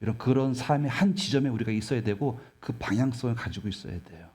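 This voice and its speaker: A male pastor preaching a sermon in an emphatic, animated way, often putting questions to the congregation. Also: mid-range voice, quick pace, husky.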